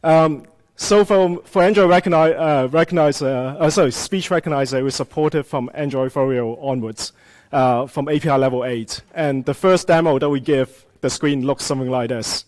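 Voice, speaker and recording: Presenting his slides to a room full of developers, this Hong Kong man, a native Cantonese speaker, has a slightly high, somewhat mellow voice and a moderate pace. The live tech talk is relaxed and chatty, sprinkled with plenty of "um"s and "uh"s.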